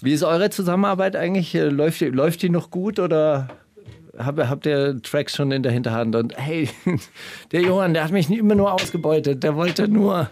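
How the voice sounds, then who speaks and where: A man hosting a podcast in a casual chat, halting and restarting his phrases, chuckling as he talks. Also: a little high, darkish tone, a little hiss or hum. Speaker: podcast host.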